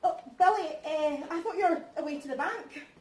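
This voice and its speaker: A concerned, questioning wife, acted by a woman in a rehearsed drama reading, speaking colloquially. Her high voice comes from a little way off in an echoey room. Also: fairly quick. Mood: flustered. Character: concerned, questioning wife, caught between two men. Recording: echoey room, distant mic, background noise.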